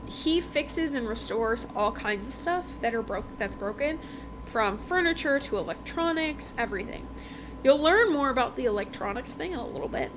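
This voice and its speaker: This book-reviewing podcast host has a high, expressive voice and talks at a normal speed. She chats her way through a novel's storyline conversationally, voicing snippets of dialogue now and then. The background is distinctly noisy.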